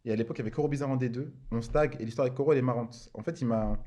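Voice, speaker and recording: A man speaking quickly in a loose, slangy way as a podcast guest. He tells his stories in a relaxed chat and leans on filler words. His pitch sits in a middle range. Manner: slangy, rapid, full of fillers like genre and en mode. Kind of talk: casual storytelling chat.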